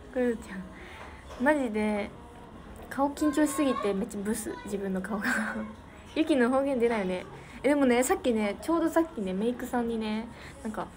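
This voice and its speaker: A teenage girl from Niigata hosting a casual livestream, chatting and thanking viewers for their comments. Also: fairly high pitch. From Niigata, Japan. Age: teens. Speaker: idol livestream host. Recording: noisy livestream audio.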